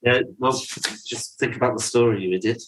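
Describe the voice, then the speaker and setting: Co-hosting a podcast in a casual chat, a man with a medium-pitched, steady voice speaks briskly, ribbing his co-host in playful banter and handling the scoring. The background is noisy.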